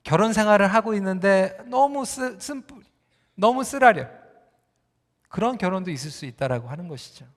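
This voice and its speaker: A male pastor preaching a sermon, telling the story in a lively way and speaking straight to the congregation. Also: high-pitched, moderate pace, in a large hall. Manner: animated storytelling, addressing the congregation directly.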